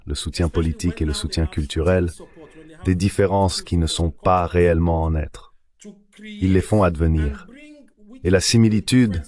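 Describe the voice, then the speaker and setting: A man's voice: low-pitched, a little mellow. A man from Nigeria, a professor answering interview questions, explaining at length in a lecturing way and building his points with examples. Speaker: professor and guest. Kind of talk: interview answer in a dubbed translation.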